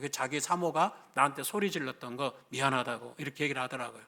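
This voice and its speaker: A middle-aged man preaching a sermon as a pastor, telling a personal story in an animated way and acting out the voices of the people in it. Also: on the high side. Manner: animated, acts out quoted voices, rises to near-shouting at climaxes.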